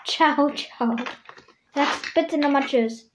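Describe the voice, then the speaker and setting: A chatty young girl with a high voice talks through her crafting for a home vlog, teasing her little sister between steps. The recording is noisy, and clicks and clattering dishes run behind her. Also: slow. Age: child. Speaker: vlogger.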